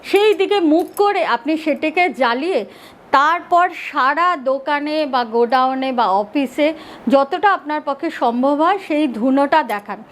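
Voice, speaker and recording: A woman hosting a spiritual advice talk, calmly instructing viewers step by step and reassuring them as friends. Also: high-pitched, moderate pace. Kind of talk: direct-to-viewer remedy advice.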